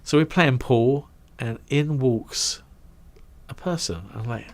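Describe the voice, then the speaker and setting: A middle-aged man telling a career story in a casual, animated way, acting out quoted voices and trailing into asides. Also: mid-range voice, takes it slowly. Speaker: guest recounting his career.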